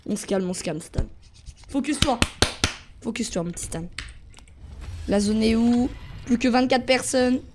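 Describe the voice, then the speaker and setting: A young man giving excitable gameplay commentary as a YouTuber, jumping between yelps and muttering to himself. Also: very high voice, normal speed, noisy background. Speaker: gaming YouTuber.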